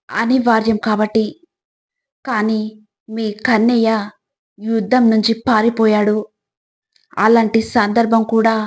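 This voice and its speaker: A woman with a slightly high voice reads scripted motivational reflections at a measured pace, speaking directly to the listener like a narrator of life lessons.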